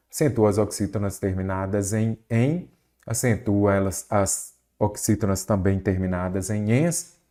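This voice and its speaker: A man with a Brazilian Portuguese accent teaching an exam-prep grammar lesson, quizzing the listener with rhetorical questions. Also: mid-range voice.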